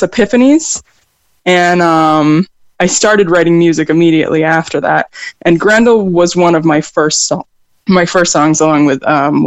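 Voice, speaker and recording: A songwriter from upstate New York, raised in Vermont, speaks as a guest in an interview conversation. Her lowish voice is recorded with no room sound, and she sounds hesitant, with many fillers and restarts.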